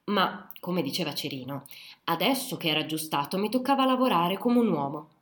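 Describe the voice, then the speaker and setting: A woman's voice: on the low side, animated, brisk, a bit bright. Woman reading a novel in a roomy space. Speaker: audiobook narrator. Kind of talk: literary audiobook narration. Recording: roomy echo.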